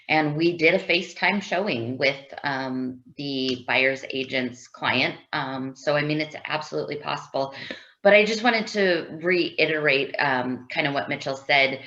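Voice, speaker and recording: A woman with a notably low voice speaks casually on a panel, encouraging her peers. The recording is dull and lo-fi. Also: fairly bright tone. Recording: dull lo-fi call audio.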